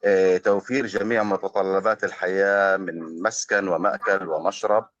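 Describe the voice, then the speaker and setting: Low-voiced Palestinian man, hesitant and dry-sounding. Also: fairly even intonation, fairly bright tone, no room sound, highs cut off. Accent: Palestinian Arabic. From Gaza, Palestine. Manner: hesitant, pausing often with fillers. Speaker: journalist being interviewed. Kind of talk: earnest spoken testimony in formal-leaning Arabic.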